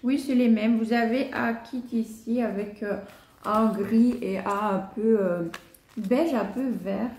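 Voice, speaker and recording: Chatty Belgian woman with a gravelly edge. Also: on the high side, steady tone, slow, darkish tone. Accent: Belgian French. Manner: chatty, hesitant, many fillers and apologies. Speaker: vlogger. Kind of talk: casual unboxing chat. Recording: echoey room, faint noise.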